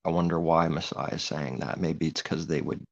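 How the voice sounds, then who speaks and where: A man's voice: very deep voice, steady tone, normal speed, vocal fry. A man giving an informal religious monologue, earnest and rambling, on a muffled lo-fi recording. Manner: earnest, rambling, grows heated.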